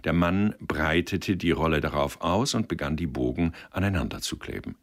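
A man narrating an audiobook in a measured storytelling manner. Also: rumbling low, animated.

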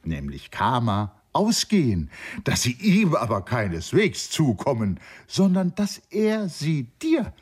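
A man's voice: medium pitch, wildly swooping pitch, takes it slowly, a little mellow, breathy edge, pitched above the performer's own voice, full character voice. A man voicing an exuberant, mocking young friend who teases in a sing-song way, in an audiobook. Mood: teasing banter. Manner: teasing, jubilant, sing-song. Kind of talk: audiobook character voice.

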